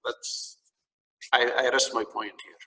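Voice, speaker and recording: A man's voice: mid-range voice, level tone, slow, bright, forceful tone. A man with an Arabic accent teaching a course as a live lecture, often repeating words and stumbling as he searches for phrasing. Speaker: instructor teaching a training course. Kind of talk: live lecture with audience questions. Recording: distant, echoing reverberant sound.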